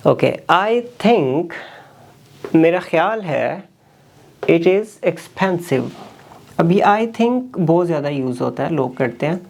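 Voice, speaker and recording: A man teaching a spoken language lesson, slowly and deliberately drilling and repeating example sentences. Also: a little high, lively intonation, gravelly, darkish tone. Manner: switches between explaining and drilling examples. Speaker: English teacher.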